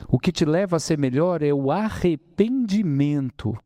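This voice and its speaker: A man's voice: fairly high pitch, unhurried, no room sound, clean studio sound. A man with a Brazilian accent from the São Paulo interior, giving a spiritist lecture and calling the audience brothers, with many rhetorical questions. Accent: Brazilian Portuguese, São Paulo interior. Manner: lively preaching, addresses audience as brothers, asks rhetorical questions. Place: spiritist center hall.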